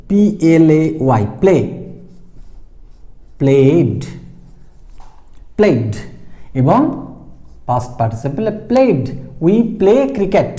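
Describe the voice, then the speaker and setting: A man with a Bengali accent teaching English grammar, slowly repeating and spelling out words and switching between Bengali and English. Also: fairly high pitch, dark tone. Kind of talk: classroom grammar lesson.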